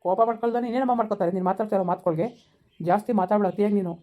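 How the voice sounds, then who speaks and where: A woman's voice: medium pitch, rapid-fire, warm tone, lightly acted. A woman playing a bullying village police officer. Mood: threatening. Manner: threatening, scolding, impatient. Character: stern bullying male police officer on phone. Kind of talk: village comedy skit.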